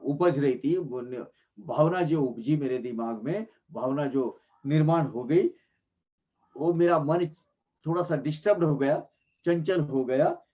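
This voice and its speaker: A man's voice: on the high side, measured pace, warm tone. Emphatic man giving devotional commentary, dull recording. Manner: earnest, emphatic explaining with frequent restarts. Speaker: religious discourse speaker.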